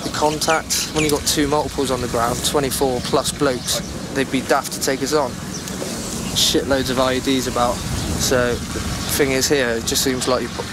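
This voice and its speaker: A man's voice: medium pitch, flat delivery, moderate pace. A British man, a marine, chatting casually in an outdoor interview in an understated, slangy way. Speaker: marine on sentry duty. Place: outdoors at a sentry post. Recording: loud outdoor background noise.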